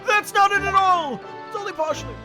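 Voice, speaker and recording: A woman voicing a nervous, plaintive Japanese literary gentleman in a theatrical amateur read of a visual novel game. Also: extremely high pitch, fairly quick, pitched above the performer's own voice. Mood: earnest, defensive. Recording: music behind the voice.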